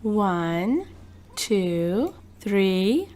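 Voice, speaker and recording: A woman presenting a toddler learning video, singing nursery songs and talking slowly in an exaggerated, sing-song way. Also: medium pitch, sing-song, a little mellow.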